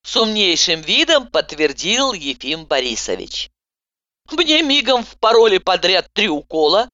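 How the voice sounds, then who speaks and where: A woman narrating an audiobook in the first person, with a brisk, expressive reading. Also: fairly low pitch, dry recording, dull audio.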